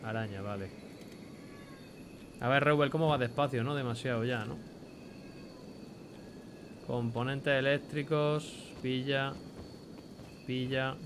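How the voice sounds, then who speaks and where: A man's voice: mid-range voice, fairly even intonation, slow, long pauses, background noise. A young man with a Spain Spanish accent giving chatty let's play commentary, swearing casually and reading item names aloud. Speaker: gameplay commentator.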